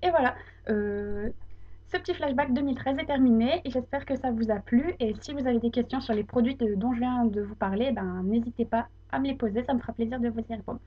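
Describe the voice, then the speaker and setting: A woman's voice: a little high, brisk, muffled recording. A young woman from France chatting casually about her favourite beauty products, full of fillers and repeated praise. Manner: chatty, many fillers, enthusiastic repetition. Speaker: beauty vlogger. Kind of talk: casual product review to camera.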